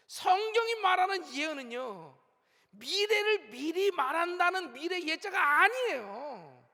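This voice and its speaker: A man's voice: very high voice, pushed and bright. A middle-aged male pastor preaching a sermon with strong emphasis, rising and falling as he leads the congregation in call-and-response. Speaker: senior pastor. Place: large church sanctuary. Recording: long hall reverb from a church sanctuary.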